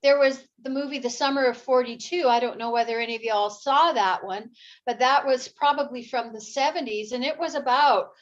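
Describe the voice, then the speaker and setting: A woman with a high voice talks in a hesitant, reflective way in a casual chat. Her sound comes through dull and lo-fi. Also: a little fast.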